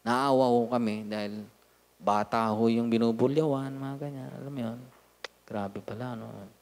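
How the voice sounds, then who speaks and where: Filipino pastor preaching in a reverberant hall. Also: male voice, medium pitch, moderate pace, gravelly. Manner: lively preaching, swinging from loud to hushed, joking asides. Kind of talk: sermon. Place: church hall.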